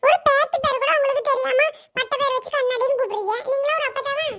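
A woman playing a young girl who sticks up for her cousin, pleading and arguing in a very high Kanyakumari Tamil voice. Cartoon voice work, reasonable and protective. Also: fast talker, bright, forceful tone. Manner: pleading, argumentative. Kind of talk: cartoon voice acting.

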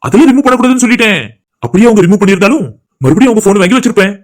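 A man's voice: sits high, rapid-fire, natural voice. A man voicing a cocky young groom in a cartoon, teasing and boastful. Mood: smug. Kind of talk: cartoon voice acting.

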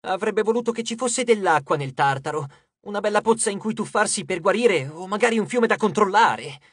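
A man narrating an audiobook in a steady, expressive storytelling voice. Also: sits high, fairly quick, husky, no echo, clean studio sound. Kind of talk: scripted narration.

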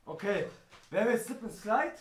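A man co-hosting a live stream, excitable and exasperated, shouting back in rowdy banter. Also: high voice, normal speed. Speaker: streamer co-host. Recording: roomy, distant mic, background noise.

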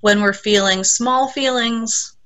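A woman on a group video call leading children in a call-and-response prayer, saying short phrases and pausing for repetition. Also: a little high, steady tone, a crowd in the background.

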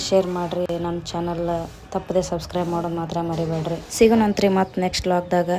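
A woman with a North Karnataka Kannada accent, recounting her day in a steady, matter-of-fact vlog voice-over. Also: on the low side. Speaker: vlogger.

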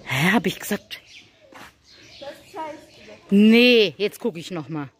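A middle-aged German woman with a lilt talks through her vlog in a chatty, animated way. Her pitch leaps and dips freely as she goes, and she drops into plain English now and then. She sounds like she is in a farmyard among animal pens. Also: slow pace. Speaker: vlogger. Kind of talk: casual vlog chat.

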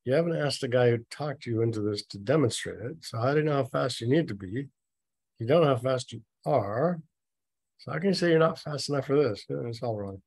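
A man's voice: mid-range voice, fairly quick, gravelly, a little mellow, husky, no room sound. A man reading a story aloud and mocking it with sarcastic, nitpicking asides. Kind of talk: sarcastic dramatic reading with commentary.

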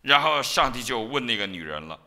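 A man preaching from the pulpit with a swooping, lively voice that rises and falls all through his sentences. His tone is sharp and forceful, cutting through clearly. He tells stories with energy and acts out quoted voices. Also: medium pitch, a little fast. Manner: animated storytelling, acting out biblical quotes. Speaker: pastor. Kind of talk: sermon. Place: church.

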